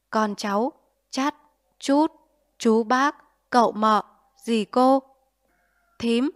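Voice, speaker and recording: In an audiobook story, a woman with a voice on the high side plays a stern, earnest middle-aged father. He lectures his son in grave, measured tones.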